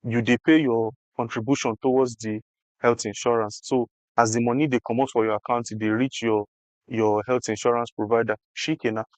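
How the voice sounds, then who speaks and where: Speaking Nigerian Pidgin as an interview guest, this Nigerian man explains health insurance in a chatty, emphatic way, repeating phrases for effect. His mid-range, darkish voice stays fairly flat in pitch and moves a little quickly. There's no echo, though the recording is rough.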